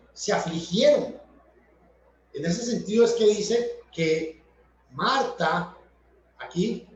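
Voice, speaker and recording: Preacher, male, high voice, slow deliberate teaching sermon, recorded far off in a very echoey room. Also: fairly bright tone. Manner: explanatory, repeats and rephrases points. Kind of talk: Bible study sermon. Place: church hall. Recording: echoey, distant, dull church recording.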